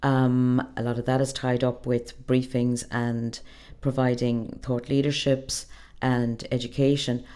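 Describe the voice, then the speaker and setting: A middle-aged woman with a west of Ireland accent giving thoughtful, conversational interview answers, pausing to find her phrasing. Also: extremely low pitch, level tone, mellow, clean tone. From Galway, west of Ireland. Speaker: interview guest, public relations professional.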